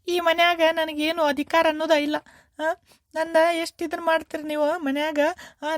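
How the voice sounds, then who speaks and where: Woman doing shrill nagging North Karnataka mother-in-law. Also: no echo, studio quality. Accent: North Karnataka Kannada. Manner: shrill, complaining, repetitive.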